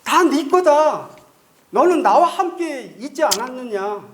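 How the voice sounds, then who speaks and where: A man voicing a loving older father who reassures his son in a slow, drawn-out way. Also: extremely high pitch, expressive, voice pushed up. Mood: reassuring.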